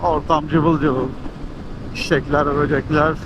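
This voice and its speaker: A man's voice: on the high side, flat delivery, unhurried. A man from Turkey chats casually and upbeat as a motovlogger, speaking slightly muffled from inside a helmet while riding outdoors. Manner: upbeat, talking to viewers and to his bike. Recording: wind and engine noise over helmet mic. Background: wind and vehicle noise.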